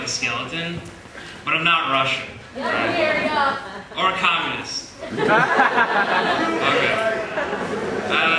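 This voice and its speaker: Nervous student guy introducing his story, lots of likes and uhs, super echoey room, noisy. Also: fairly high pitch. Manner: hesitant, with many fillers. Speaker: student reader. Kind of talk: live reading introduction. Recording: distant mic in an echoey, noisy hall.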